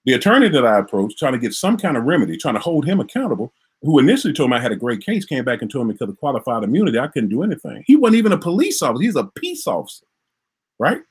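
A middle-aged man from Minnesota recounting a personal story in an animated way, repeating words and acting out the voices. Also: medium pitch, racing, husky. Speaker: interviewee recounting a traffic stop.

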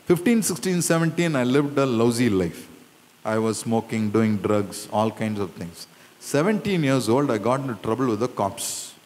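An older man with an Indian English accent, telling his conversion story as a lively sermon and often asking the crowd for replies. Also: medium pitch, moderate pace. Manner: animated storyteller, swings from hushed to loud, asks the crowd. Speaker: preacher. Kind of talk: testimony sermon to a live audience. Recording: long hall reverb.

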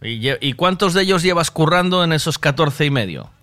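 Man, chatty radio host, bright high-ish voice, laughs and swears a lot. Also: lively intonation, brisk. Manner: chatty, laughing often, swearing, acts out quotes. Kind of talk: casual chat with a caller.

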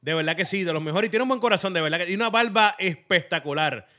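A man's voice: sits high, fast talker. A man hosting a casual interview, asking questions and chiming in with affirming comments. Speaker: interviewer host. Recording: loud background noise.

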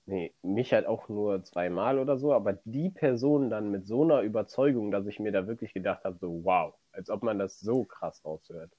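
A man's voice: lowish voice, normal speed, hardly any pauses, slightly rough, no room sound, muffled recording. A man with a light Rhineland German accent, chatting casually and rambling through stories as a podcast co-host. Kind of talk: casual chat.

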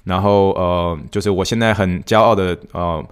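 A man's voice: low voice, fairly even intonation, moderate pace, clear, resonant tone. A man from Taiwan with a Taiwanese Mandarin accent, hosting a casual solo podcast in a chatty, rambling storytelling way full of restarts. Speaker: podcast host.

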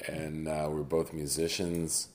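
A man hosting a casual interview podcast, relaxed and affirming. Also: rumbling low, slow, slight background noise. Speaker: podcast host. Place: a friend's house.

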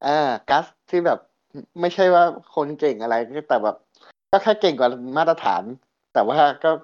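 A man's voice: a little high, moderate pace, lo-fi sound. A man co-hosting a casual chat show, talking with many fillers and restarts. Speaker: podcast co-host.

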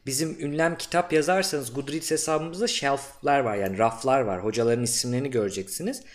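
A young man hosting a podcast interview, talking in a relaxed, chatty way with plenty of fillers. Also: mid-range voice, brisk. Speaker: podcast host. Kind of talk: casual interview chat.

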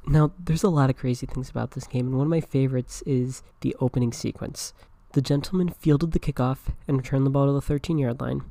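A man's voice: medium pitch, steady tone, brisk, vocal fry, mellow, no echo. A man hosting a podcast, narrating casually and reading a story aloud. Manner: casual and conversational. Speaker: podcast host.

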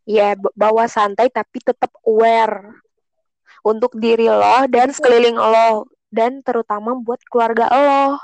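A woman's voice: fairly high pitch, steady tone, a little slow, darkish tone, dry recording, low-quality recording. A young adult woman with a Jakarta Indonesian accent, co-hosting a podcast in casual, slangy conversation. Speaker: podcast co-host.

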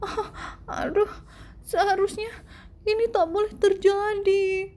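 An eager little boy who worries easily, as a woman reader puts him on in a children's storybook. Her voice climbs higher than her narration and comes out eager and exclamatory. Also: slow. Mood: excited.

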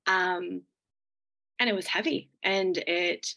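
A woman's voice: lowish voice, steady tone, slow pace, gravelly, pushed and bright, muffled recording. A woman in a group podcast chat as a mastermind member, talking candidly and rambling, swearing casually.

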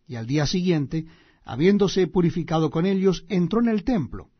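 A man reading scripture aloud in a measured, solemn way. The recording is dull and lo-fi. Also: fairly high pitch, husky, no echo. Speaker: Bible reader.

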